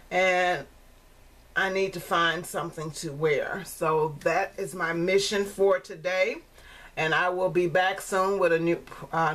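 A woman in her sixties showing her handmade card in a chatty vlog, repeating herself and filling pauses with ums. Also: lowish voice, fairly bright tone. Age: 60s. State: coughing, choking on fumes. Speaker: crafting vlogger. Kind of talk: casual show-and-tell vlog.

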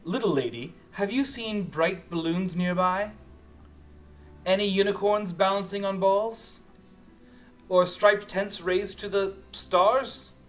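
A man voicing a plucky female jester acrobat from a video game, in a stagy, measured court jester manner. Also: high-pitched, fairly bright tone, pitched above the performer's own voice. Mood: stagy, wistful. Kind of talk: reading game dialogue aloud in character.

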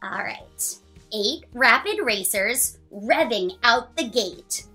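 Reading a picture book to children, this thirties-aged woman sounds expressive and sing-song, drawing out her lines and counting along. Her voice is a little high, and soft music plays in the background.

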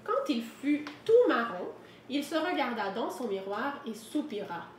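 High-voiced teacher reading aloud. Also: female voice, big pitch swings, measured pace, roomy sound, a little hiss or hum. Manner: gentle, explains words for children. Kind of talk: reading a picture book aloud. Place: home.

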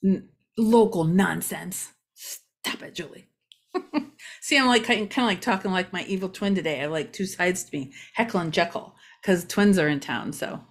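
Chatty Midwestern woman hosting local news. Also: medium pitch. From Ohio, USA. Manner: chatty, rambling, joking asides. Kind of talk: casual local news vlog.

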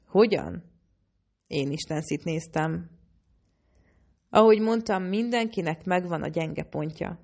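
A woman reads an audiobook as a first-person storyteller. Her voice is very low and carries a gravelly, creaky texture throughout. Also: darkish tone, lo-fi sound. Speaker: audiobook narrator. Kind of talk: audiobook narration.

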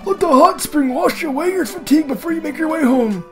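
A man voicing a cheerful old male hot-spring keeper in a slow, quavering old-man voice. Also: very high-pitched, animated, soft background music, voice pushed up. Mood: amazed.

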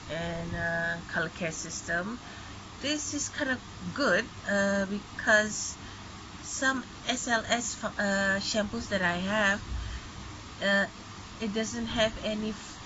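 Casting: middle-aged woman vlogger, slow delivery, voice raised against heavy rain, dull sound. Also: medium pitch, noisy background. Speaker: beauty vlogger. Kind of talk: casual product review chat. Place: small bedroom at home. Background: heavy rain outside.

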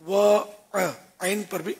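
An older man giving religious guidance in a soft voice that often drops to a whisper, stretching out words slowly. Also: sits high, level tone. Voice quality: raspy. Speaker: religious scholar answering questions.

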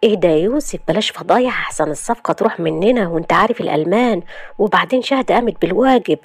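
A woman with an Egyptian accent voicing a nervous male friend who keeps pleading for calm. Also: medium pitch, very fast, dry recording. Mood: placating. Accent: Egyptian Arabic. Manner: pleading, placating. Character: anxious male friend and business partner.

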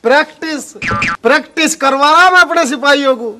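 Brief: man as a blustering village cop, very high voice, comedy skit. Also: fairly quick. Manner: blustering, comic rustic banter. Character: bumbling corrupt village police inspector, man.

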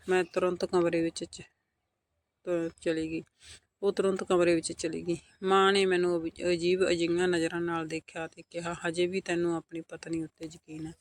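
High, even-toned man narrating a story. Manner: steady, earnest retelling of family drama, voicing all quotes. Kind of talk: scripted first-person story narration.

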